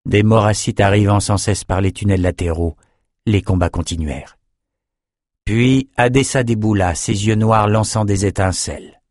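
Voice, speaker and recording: A man narrating a fantasy audiobook in a measured, even storytelling voice. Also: lowish voice, dry recording, studio quality.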